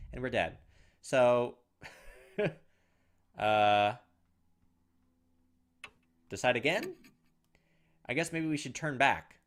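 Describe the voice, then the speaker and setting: A man with a mid-range, somewhat bright voice plays a horror visual novel for a let's play, reading the game's text aloud in casual commentary. He thinks out loud, starting over at times, mildly irritated by trial and error, and a little hiss or hum can be heard.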